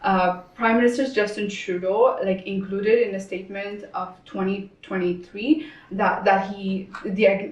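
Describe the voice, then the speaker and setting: Woman, from Sri Lanka, roundtable guest, halting speech, echoey room. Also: mid-range voice. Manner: halting, many fillers and restarts. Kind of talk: conversational interview answers. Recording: echoey room, distant mic.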